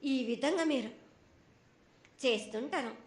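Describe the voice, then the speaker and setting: A woman with a Telangana Telugu accent speaking as an oracle in a prophetic trance voice, pronouncing as an angry mother goddess in halting, repetitive phrases. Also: high voice. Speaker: oracle at a temple festival. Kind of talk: oracular pronouncement. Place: festival ritual before an audience. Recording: echoey live festival sound.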